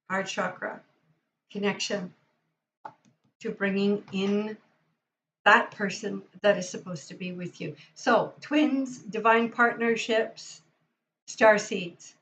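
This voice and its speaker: A woman hosts a live tarot reading, chatting enthusiastically and speaking right to her viewers. Her voice is medium-pitched and a bit bright, with slight background noise and a dull lo-fi recording quality.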